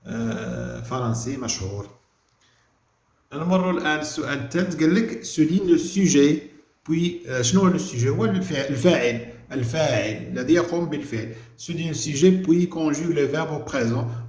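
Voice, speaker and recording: A man's voice: medium pitch, a little mellow. Moroccan man teaching French, echoey room. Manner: slows down to spell out French words, asks "clear?" often. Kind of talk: classroom lesson explaining French in Moroccan Arabic.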